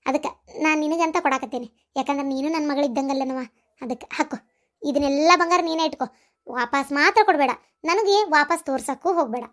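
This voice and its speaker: A woman voicing a kindly older mother-in-law possessed by a spirit, speaking softly and coaxingly with a North Karnataka accent. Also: high voice, quick pace. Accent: North Karnataka Kannada.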